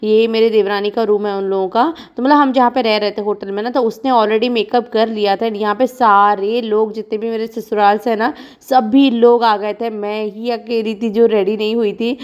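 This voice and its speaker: A woman's voice: fairly high pitch, fairly even intonation, normal speed, few pauses. A woman in her thirties from India, a vlogging mother chatting frankly and rambling as she talks over her own footage. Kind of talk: casual chat narrating vlog footage.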